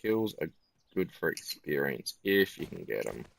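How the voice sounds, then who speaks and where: A tired man giving casual gameplay commentary in a flat, musing way. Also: rumbling low, measured pace, vocal fry, slight background noise. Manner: self-described monotone, relaxed and musing.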